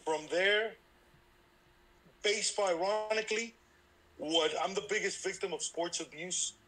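In a low-quality recording, a high-pitched man in his thirties, born in Cuba and raised in Miami, tells his life story as an interview guest who works as a baseball instructor. He speaks unhurriedly but with energy, frank and self-deprecating.

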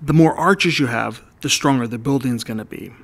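Calm male voice-over narrator. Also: mid-range voice, normal speed, creaky. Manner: explanatory, walks the listener through ideas step by step. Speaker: narrator of an art history video.

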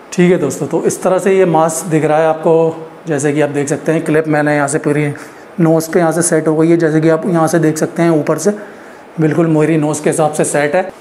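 A man speaks through a face mask, his fairly high voice a little muffled as he walks viewers through a product review. His delivery is chatty and explanatory, and the room around him sounds echoey, with a faint hiss underneath. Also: warm tone. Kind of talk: casual product review vlog.

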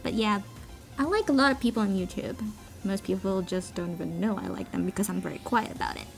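A woman with a medium-pitched, gravelly voice talks a little fast, giggling and poking fun at herself as she rambles casually to online listeners. She's an amateur cover singer answering a voice meme, with a song playing behind her.

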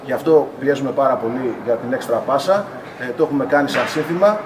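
A middle-aged man, a national team coach, giving measured post-game remarks to reporters at an arena press wall. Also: mid-range voice. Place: arena press area in front of a sponsor wall. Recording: noisy arena press area.

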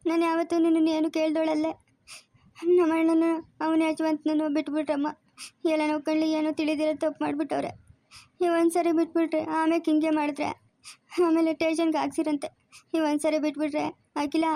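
A woman voicing a soft-hearted grandmother begging tearfully in a family cartoon. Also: sits high, little pitch movement, fast talker, no echo, studio quality, lightly acted. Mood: pleading.

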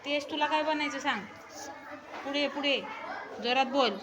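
A woman's voice: high-pitched, fairly even intonation, normal speed, a crowd in the background. Coaxing schoolteacher woman, noisy classroom. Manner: coaxing, repeats questions, urges children to speak up. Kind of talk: classroom questioning of young pupils. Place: school classroom full of children.

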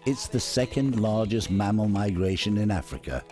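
A man's voice: lowish voice, normal speed, a little mellow. A man reading scripted narration for a nature documentary. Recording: background music under narration.

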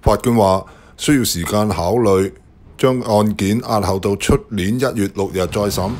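Low-voiced male news reporter. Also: normal speed, darkish tone, slight background noise. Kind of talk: scripted news narration.

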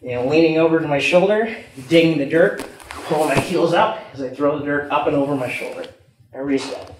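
Young man, slightly high voice, instructor demonstrating drills, talking while moving, echoey gym, faint noise. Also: fairly quick. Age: young adult. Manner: physically active, talking while moving on the floor. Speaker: jiu-jitsu instructor. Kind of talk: instructional demonstration, explaining movements. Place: matted martial arts gym room, indoors. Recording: echoey room, distant mic, background noise.

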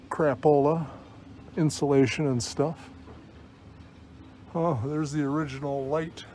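A man's voice: mid-range voice, dark tone. A man giving a casual, offhand walk-through, rambling a little and dryly joking, his voice slightly muffled through a face mask. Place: inside an old bus at a scrapyard. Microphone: handheld phone. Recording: noisy handheld phone recording, vehicle ambience.

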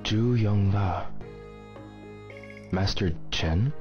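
A man's voice: on the low side, very slow. A man playing a stoic, polite young man in a video game, with a serious, clipped delivery. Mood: earnest, reserved. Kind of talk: scripted video game dialogue. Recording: dull, compressed game audio. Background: clear background music.

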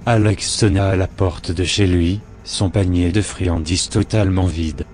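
A man reading a horror story aloud in a measured, grave narration. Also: low voice, steady tone, darkish tone, soft background music.

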